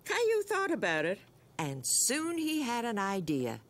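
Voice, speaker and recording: An actress as a kindly storyteller, narrating a children's cartoon from a script. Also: female voice, a little high, wildly swooping pitch, a little slow, over loud music. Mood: storytelling.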